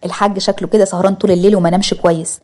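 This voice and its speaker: A woman's voice: medium pitch, level tone, rapid-fire, warm tone, natural voice. A woman voicing a chatty family man explaining why relatives could not come to a party.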